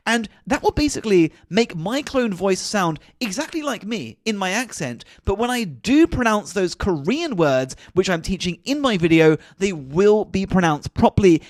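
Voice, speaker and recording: In a high voice whose pitch jumps around with lively movement, a man hosts a screen-recorded tutorial. He gives instructive, step-by-step, click-by-click directions, repeating them as he goes, and the sound is dry and close with no room echo.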